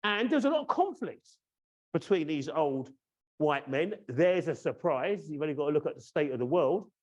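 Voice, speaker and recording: A British man in his fifties hosts a training webinar over a video call, delivering a casual presentation in a chatty, teasing way and often checking in with "yeah?". His voice is a little high with lively intonation at a normal speed, and the highs are cut off.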